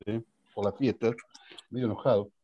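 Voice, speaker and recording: A man with an Argentine accent, a lawyer questioning a witness over a video call, speaking haltingly and apologetically through poor-quality internet call audio. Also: on the low side, steady tone, mellow. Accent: Argentine Spanish. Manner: hesitant, apologetic, halting with fillers. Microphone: computer microphone on a video call. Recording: dull lo-fi online stream.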